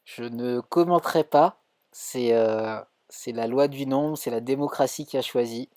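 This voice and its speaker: French man, live coding lesson, unhurried, mellow tone, dry close sound, keyboard clicks. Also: medium pitch, no room sound. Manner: thinks aloud with many fillers and self-corrections. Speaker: coding instructor streaming.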